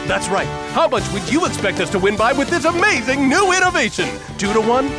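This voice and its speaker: An over-eager, goofy cartoon showman, selling everything with gushing patter. The voice is high and bouncy, over loud music. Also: very animated, brisk. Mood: showy, gushing. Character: goofy, over-eager male player with scrambled showman personality. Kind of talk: cartoon voice acting.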